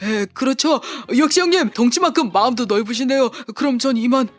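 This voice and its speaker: A man's voice: extremely high pitch, a little fast, a bit bright, soft background music. A man voicing a petty, hotheaded young male scammer in an audio drama, stammering and swinging between taunting and groveling.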